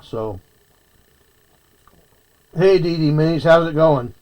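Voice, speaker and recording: A man's voice: a little high, slow pace, darkish tone. A man chatting casually on a livestream while he eats, sometimes talking with his mouth full. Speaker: streamer.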